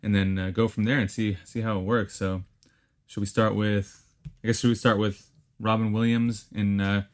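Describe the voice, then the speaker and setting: A man co-hosting a film podcast, speaking in a measured, hesitant way with ums and restarts. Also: on the low side, little pitch movement. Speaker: podcast co-host. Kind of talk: casual film discussion.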